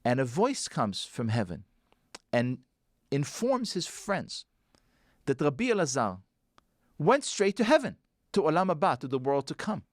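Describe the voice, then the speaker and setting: A man, an author and guest, telling a story with animated, swooping emphasis. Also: fairly high pitch, a little slow, pauses often, dry recording, studio quality.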